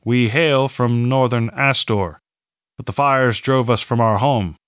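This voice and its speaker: A man voicing a weary man posing as a rural father, speaking low and earnestly in an audiobook reading. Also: a little slow, fairly bright tone, clean tone, no room sound, clean studio sound, natural voice.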